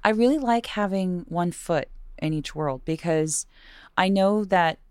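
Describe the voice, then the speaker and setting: A woman with a husky voice and some vocal fry, chatting casually in an interview about her work. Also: measured pace, darkish tone, dry recording. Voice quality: low-pitched vocal fry. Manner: chatty, conversational. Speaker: radio host and classical singer, being interviewed. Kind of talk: casual chat.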